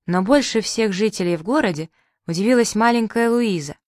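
A woman reading a children's story aloud in a calm, even storytelling manner. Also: mid-range voice, brisk, no room sound, clean studio sound. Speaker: narrator.

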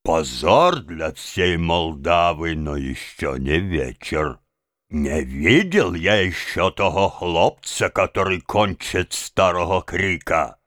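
A man voicing a gruff, defiant old blacksmith in an audiobook story, with a low, stubborn growl. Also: lively intonation, slow, fairly bright tone, no echo, studio quality, heavily acted.

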